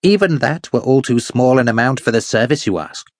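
A man doing a shrill, greedy old miser. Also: lively intonation, brisk, no echo, studio quality, close to an everyday voice. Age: older. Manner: shrill, wheedling and querulous. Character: greedy, fearful little old male miser. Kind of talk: audiobook character voice.

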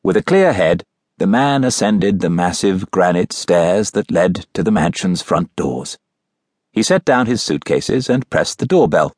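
A man narrating a mystery novel as an audiobook in a measured, even storytelling manner, recorded in a studio. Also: sits low, no room sound. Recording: dry, close studio recording.

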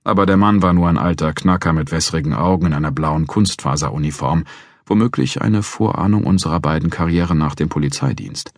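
A man reading a crime novel in measured, first-person scripted narration into a close studio mic. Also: very deep voice, dry recording. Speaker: audiobook narrator.

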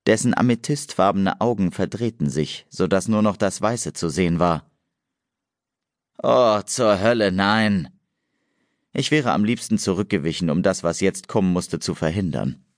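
A man narrating a fantasy audiobook in a measured, expressive storytelling manner on a close studio mic. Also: low-pitched, no room sound. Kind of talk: scripted narration.

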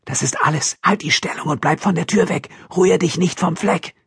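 A man's voice: sits high, normal speed, gravelly, fairly bright tone, slightly rough, no room sound, clean studio sound, pitched above the performer's own voice, full character voice. A man playing a tense policewoman. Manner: urgent, commanding. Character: tense young female police officer.

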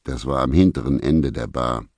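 Gruff male storyteller with a very deep voice, laconic and unhurried, dry close sound. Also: a little mellow, no room sound. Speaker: audiobook narrator. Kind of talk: first-person literary narration.

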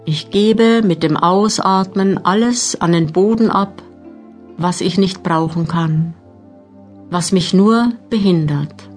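Female narrator for guided relaxation: slow, measured, slightly low voice, long pauses, new-age music underneath. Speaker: mental training narrator. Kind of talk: guided meditation audiobook narration.

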